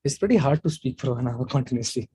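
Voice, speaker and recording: A man with a mid-range, mellow, husky voice, recorded dry, appears as a guest speaker in a live online session. He answers chat questions in a casual, chatty way, giving advice off the cuff.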